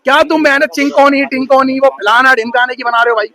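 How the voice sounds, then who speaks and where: A man's voice: very high-pitched, steady tone, fast, crowd noise. A man ranting sarcastically in a street interview, scolding people and repeating "bhai" constantly. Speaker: bystander interviewee. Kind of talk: heated street interview rant.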